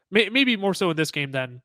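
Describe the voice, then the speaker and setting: A man co-hosting a sports podcast, talking excitedly in casual chat with many restarts. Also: high voice, no room sound. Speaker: podcast co-host.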